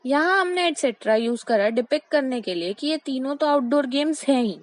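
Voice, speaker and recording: A young woman teaching English pronunciation in a mix of Hindi and English, repeating each word and reading example sentences slowly and deliberately. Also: high voice, expressive, no echo, rough recording. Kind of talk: explanatory lesson mixing Hindi and English.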